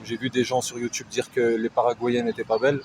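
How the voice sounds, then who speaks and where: A man's voice: mid-range voice, level tone, quick pace. A man from France and Canada giving a casual testimony as an interviewee, informal and hesitant but opinionated. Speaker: interviewee, anonymous expatriate client. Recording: outdoor recording with clear street noise.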